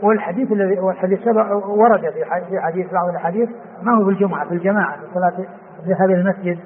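A man giving a classical Arabic lesson on hadith, explaining in an unhurried way, repeating phrases and using many fillers. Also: high voice. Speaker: hadith teacher. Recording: tinny phone-like lo-fi recording with faint hiss.

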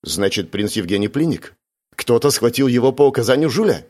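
A man's voice: medium pitch, lively intonation, fairly quick, darkish tone, close to an everyday voice. A man voicing a cold, stern young woman. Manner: cold, clipped questioning.

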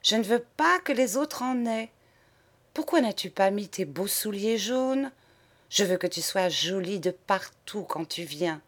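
A woman's voice: mid-range voice, lively intonation, unhurried. A woman voicing a doting cook in her forties who pleads in a plaintive tone.

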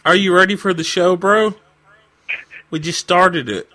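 A man talking through a voice changer that pitches his voice deeper, a brash and crude prank caller hosting a radio show. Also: unhurried, bright, forceful tone, dry recording. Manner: brash, crude, bro-talk, pushy. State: drunk. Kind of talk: prank phone call.

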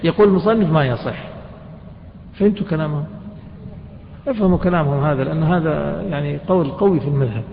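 A man's voice: on the high side, rapid-fire, gravelly, a little hiss or hum. A man teaching a jurisprudence class, often quizzing his students with questions and colloquial asides. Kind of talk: classroom lecture explaining a text. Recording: dull reverberant lecture hall recording.

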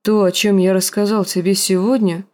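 A woman reading an audiobook, voicing a scarred, bitter, hulking male warrior with a rasping, gruff, slow and menacing delivery. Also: mid-range voice, a little mellow, close to an everyday voice. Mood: threatening.

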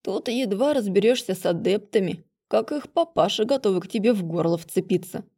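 A woman's voice: mid-range voice, animated, brisk, mellow, slightly rough. A woman reading an audiobook, voicing an exhausted male magister muttering to himself. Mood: weary. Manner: tired, muttering. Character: weary, drained male academy magister.

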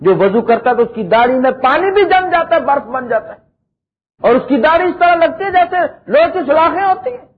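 A middle-aged male preacher giving a dramatic lecture, swinging between emphatic high lines and quiet low ones, reciting verse slowly. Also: lively intonation. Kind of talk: Urdu religious lecture. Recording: tinny phone-like lecture recording.

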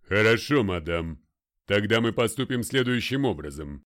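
A man voicing a domineering older male lawyer in an audiobook, loud, commanding and deliberate. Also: fairly low pitch, lively intonation. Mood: stern. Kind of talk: audiobook character voice.

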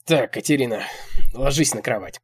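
Tyrannical old man, shouting, husky edge, done by a male reader. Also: mid-range voice, sing-song, normal speed, dry recording. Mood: commanding. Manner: shouting, bullying. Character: cruel domineering old man, barking orders.

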